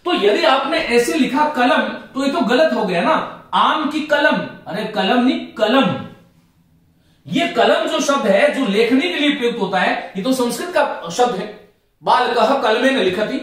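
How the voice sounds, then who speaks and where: A man's voice: very high voice, expressive, normal speed, hardly any pauses, a bit bright. A middle-aged man teaching Hindi grammar for exam prep, carefully repeating words to model their pronunciation and appealing to his students in earnest. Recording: very echoey room.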